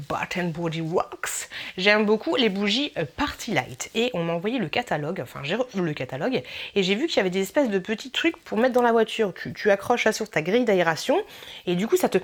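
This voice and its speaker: A woman's voice: medium pitch, a bit bright. A woman YouTuber talking through her wishlist in a casual vlog, chatty and playful, rambling with filler asides.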